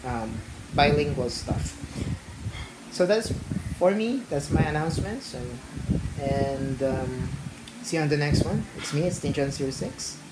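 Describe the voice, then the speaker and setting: Animated and slightly high-voiced, this young adult tech vlogger from the Philippines talks at a measured pace with a Filipino accent, being a native Filipino speaker. Filming on a phone held at arm's length in a small indoor room, he rambles, corrects himself and chuckles frequently, and the audio is very noisy.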